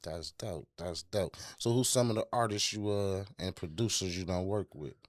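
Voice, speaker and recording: A man hosting a radio interview, relaxed and slangy, cheering the guest on. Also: low-pitched, moderate pace, dry recording, clean studio sound. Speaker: radio show host. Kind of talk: casual interview. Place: radio studio.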